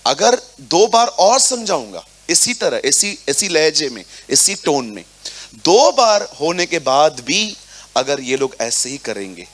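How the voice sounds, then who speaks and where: A man preaching a sermon to a congregation, animated, acting out little scenes and mixing words into his talk. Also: a little high, slow. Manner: animated, acts out little scenes, mixes English into Hindi. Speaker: pastor. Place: church hall with congregation.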